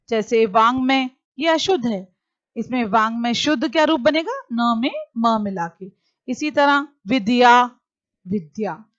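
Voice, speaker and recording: A woman's voice: a little high, no echo, lo-fi sound. A woman teacher giving a grammar lesson, explaining patiently and repeating each example word.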